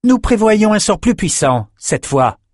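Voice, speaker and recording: A man's voice: sits high, very animated, unhurried, dry recording, studio quality, voice pushed up. A man reading an audiobook, voicing a cold, hissing female blood mage.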